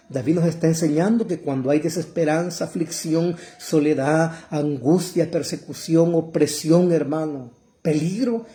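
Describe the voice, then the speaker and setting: A middle-aged man preaches with fervor, often calling out to his brothers and sisters. His voice sits a little high yet sounds very dark and mellow. Now and then he swells into loud, pleading cries. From El Salvador. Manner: fervent, addresses listeners as brother, rises to loud cries when quoting. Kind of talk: sermon.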